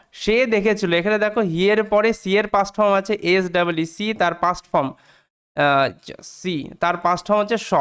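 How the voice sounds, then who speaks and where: A man takes an English passage apart phrase by phrase, patient and methodical. His voice sits high, with a smooth, clear tone. He keeps checking that his students follow, and spells tricky words out letter by letter. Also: a bit bright. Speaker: English teacher. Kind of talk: explaining English sentences line by line.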